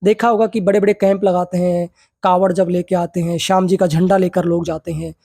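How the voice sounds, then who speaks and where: A man teaching a yoga theory class. He reads English text slowly, then explains it in Hindi, often checking in with tag questions and asking his students rhetorical questions. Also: high-pitched, little pitch movement, mellow, no echo, studio quality. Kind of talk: lecture.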